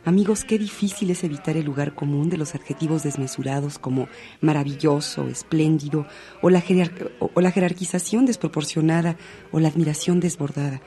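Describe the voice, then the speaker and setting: A woman's voice: deep voice, brisk, mellow. A woman hosting a radio program, presenting in an articulate, slightly formal way. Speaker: radio host.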